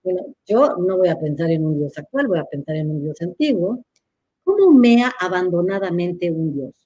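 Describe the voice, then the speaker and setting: A woman's voice: on the low side, very animated, moderate pace, dark tone, husky, no room sound. A woman answers audience questions in a live chat, teacherly and playful, laughing at her own examples.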